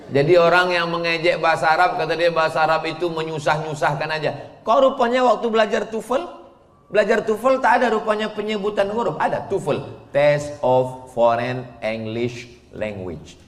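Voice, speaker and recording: A man preaching a sermon to an audience, teasing and questioning them in a lively back-and-forth. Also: sits high, fast. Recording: echoey hall, long reverb.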